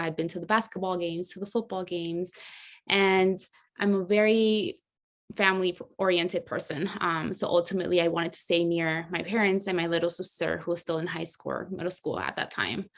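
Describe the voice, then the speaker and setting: A woman in her twenties, originally from Colombia and raised in South Florida, answering interview questions in a modest, reflective way. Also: lowish voice. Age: 20s. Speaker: guest, graduate student.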